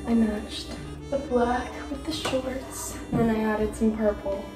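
A woman's voice: fairly high pitch, steady tone, measured pace. A young adult woman chatting casually to camera as a vlogger, recorded on a phone. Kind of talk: casual vlog chat to camera. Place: varies: home rooms, porch, street outdoors. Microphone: phone at arm's length or propped nearby. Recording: loud music behind the voice.

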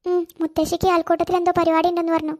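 Tiny cartoon girl, super high squeaky voice, talks quick and sad, hungry and polite. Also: completely flat delivery, darkish tone. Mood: eager. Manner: high childlike voice, plaintive and self-pitying. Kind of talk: cartoon voice acting.

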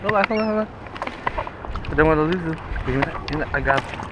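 A young man filming his own fishing trip on a head-mounted camera, talking casually and excitably, with some swearing, on a riverbank. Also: a little high, quick pace. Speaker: angler filming his catch. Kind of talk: casual outdoor chat. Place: riverbank and dock outdoors. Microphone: head-mounted action camera. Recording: action camera with loud wind and water noise.

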